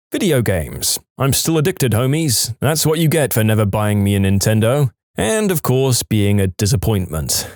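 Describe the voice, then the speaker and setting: A male narrator with a lively, swinging delivery reads Reddit stories aloud. He punches the funny lines with playful emphasis. The recording is close and dry, with no room sound. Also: medium pitch, no room sound.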